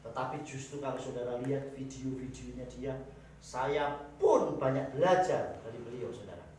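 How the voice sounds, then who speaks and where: A male pastor with a Javanese accent preaching a sermon, animated and addressing the congregation often, acting out everyday people in quick asides. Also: medium pitch, a little hiss or hum. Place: church hall. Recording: very echoey hall, mic at a distance.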